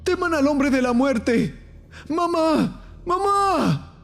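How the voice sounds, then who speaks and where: Shrill, frantic chest-creatures crying for mother. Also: very animated, takes it slowly, vocal fry, exaggerated voice. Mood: terrified. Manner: frantic repeated cries for mother. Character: shrieking childlike creatures trapped in chests.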